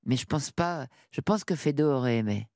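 Woman, 60s, from northern france, radio guest, lively, halting, dry studio sound. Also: very deep voice, no room sound. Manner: lively, halting, full of restarts. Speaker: interview guest. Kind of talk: radio interview.

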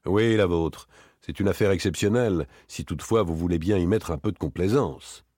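Brief: male reader as a hard-nosed ex-detective in an audiobook, low husky voice, clipped and exact. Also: moderate pace, a little mellow, no echo. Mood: menacing. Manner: dry, hard, precise. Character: cold, relentless male former police inspector.

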